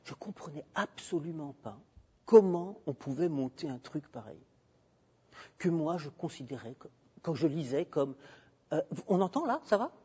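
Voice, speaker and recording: Slightly high and a bit slow, the man's voice is dark and a touch rough, and he leaves long pauses. He's a guest lecturer at a university, speaking into a handheld microphone with emphasis and frequent tangents while engaging the audience freely. The recording sounds dull and lo-fi, echoing with long hall reverb.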